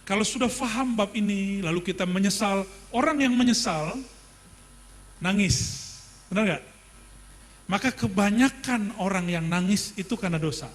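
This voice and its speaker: A man's voice: high-pitched, moderate pace, long pauses. A middle-aged man preaching a sermon, conversational, asking his listeners questions and joking with them. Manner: conversational, asks the audience questions and jokes. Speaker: Islamic preacher teaching a classical text.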